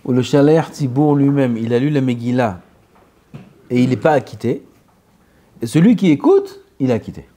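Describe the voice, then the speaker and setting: Man, religious teacher, lively pitch, dark mellow tone, quizzes listeners. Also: moderate pace, pauses often, slight background noise. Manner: animated, asks questions and drills pronunciation. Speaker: rabbi teaching. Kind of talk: lively Torah lesson.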